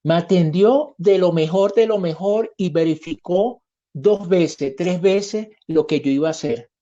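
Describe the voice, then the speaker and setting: A man's voice: high voice, measured pace, mellow. A man with a Colombian accent, a pastor giving an earnest sermon and telling a personal story as he preaches. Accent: Colombian Spanish. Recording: muffled lo-fi sermon recording.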